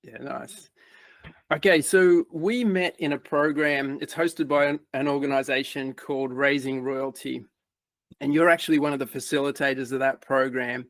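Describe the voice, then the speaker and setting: A man's voice: mid-range voice, steady tone, moderate pace, a bit bright, dry recording. A man hosting a podcast, introducing his guest with enthusiasm and asking questions. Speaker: podcast host. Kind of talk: podcast interview.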